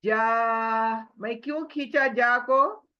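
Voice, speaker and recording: A woman teaching Quran recitation rules slowly, drawing out syllables and answering her own questions. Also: a little high, muffled recording. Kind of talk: slow tajweed lesson, spoken and recited.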